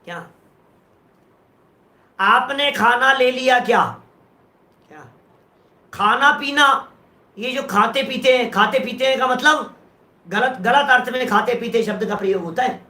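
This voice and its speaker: A man's voice: very high voice, a little slow, pauses often, bright, forceful tone, reverberant. A man giving a scriptural lecture, explaining patiently and asking the audience rhetorical questions. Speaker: scripture teacher.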